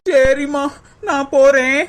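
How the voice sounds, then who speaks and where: A woman voicing a gentle, emotional young village wife in a cartoon, speaking softly and consolingly. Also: high voice, completely flat delivery, slow pace, heavy background noise. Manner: soft, pleading and consoling. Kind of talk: cartoon voice acting.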